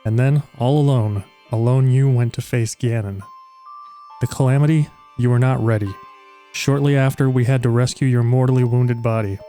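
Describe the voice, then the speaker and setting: A man's voice: medium pitch, fairly even intonation, normal speed, mellow, soft background music, close to an everyday voice. A man reading the lines of a solemn, formal old woman sage from a video game in his own voice. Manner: reads game dialogue aloud in his own voice.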